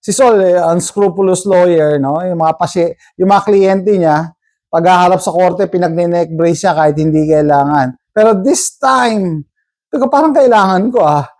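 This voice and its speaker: A man's voice: sits high, normal speed, a little mellow. A man vlogging in casual storytelling mode, chatty and rambling, often tagging his sentences with a questioning "no?".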